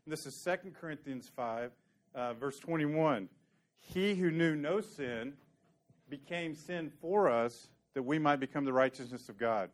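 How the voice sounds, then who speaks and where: A preacher with a slightly high, slightly slow voice delivers a sermon. He's earnest and conversational as he works through scripture, now and then tossing dry jokes to the congregation.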